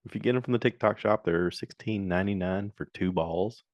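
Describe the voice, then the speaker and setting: A man's voice: on the low side, brisk, no echo, dull audio. A man hosting a casual solo podcast, telling rambling stories in a chatty way with plenty of fillers. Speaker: podcast host.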